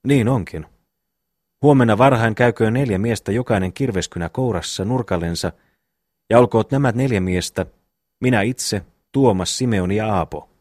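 A man's voice: fairly low pitch, a little mellow, no room sound, clean studio sound, lightly acted. Juhani, a man reading a bossy blustering eldest brother. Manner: blustering, commanding. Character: loud bossy eldest brother, hot-tempered young man.

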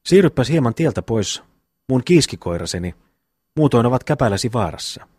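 A man's voice: medium pitch, big pitch swings, a little mellow, slightly rough, no echo. A man reading the part of a hot-tempered eldest brother who scolds and mocks in a blustering way. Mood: scolding, mocking. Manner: blustering, scolding speech with a mocking chuckle. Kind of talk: audiobook reading.

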